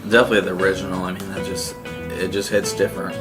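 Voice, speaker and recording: A man's voice: low-pitched, flat delivery, very fast, over music. A man co-hosting a casual food review, plain-spoken as he explains what he thinks. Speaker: co-host of a snack review show.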